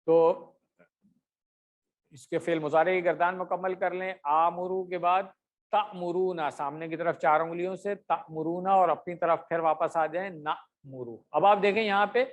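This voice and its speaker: A man teaching an online grammar class, speaking patiently, pausing often with fillers and stretching out drill words slowly. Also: high voice, fairly even intonation. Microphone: computer mic on a video call with camera off.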